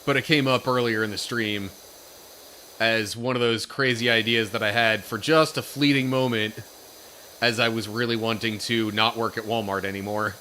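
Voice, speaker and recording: Young man, bright voice, casual stream chatter, rambling, faint background hiss. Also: fairly low pitch, fairly even intonation, moderate pace. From Pennsylvania. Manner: rambling storyteller, reads chat aloud. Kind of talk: casual live-stream chat.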